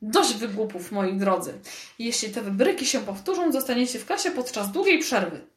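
A woman voicing a strict, prim schoolteacher who scolds firmly and turns shrill, recorded with a roomy echo. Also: lively intonation, moderate pace, a little hiss or hum, close to an everyday voice. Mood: stern. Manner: firm, scolding, then shrill.

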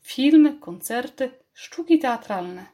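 A woman's voice: sits high, expressive, slow, dark tone. Firm bossy schoolgirl, voiced by a woman. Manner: firm, commanding.

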